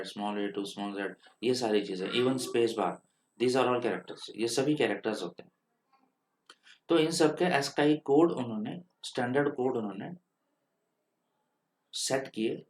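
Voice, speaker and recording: A man's voice: mid-range voice, darkish tone. A man with an Indian accent teaching programming step by step in a screen-recorded coding tutorial. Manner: patient step-by-step explaining, mixes English terms.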